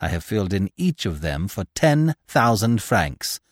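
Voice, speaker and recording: A man's voice: fairly low pitch, very animated, measured pace, no room sound, clean studio sound. A man voicing a gloating vengeful widow. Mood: cold menace. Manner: gloating, syllables stressed.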